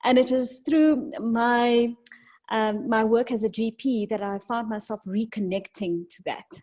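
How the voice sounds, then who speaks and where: A South African woman with a matching accent speaks as a doctor guesting on a podcast, her conversational delivery reflective and halting. Her voice is fairly high and a little mellow.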